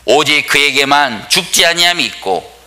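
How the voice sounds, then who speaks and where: Lively, forceful pastor preaching. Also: male voice, on the high side, normal speed. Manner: joking, asks the audience questions. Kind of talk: sermon.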